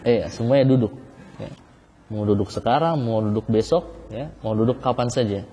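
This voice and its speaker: A man's voice: medium pitch, moderate pace, dark tone, a little hiss or hum. Man teaching in a reverberant hall. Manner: explains by repeating key phrases, asks the class questions. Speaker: Islamic studies teacher. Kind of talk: classroom lecture on legal theory.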